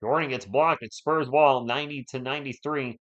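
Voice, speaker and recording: A man speaks a little fast at medium pitch, his tone slightly bright and his intonation fairly even. Battling a sore throat and a voice that's giving out, he casually calls a basketball game live and reads and responds to viewer chat between plays, all over dull lo-fi stream audio.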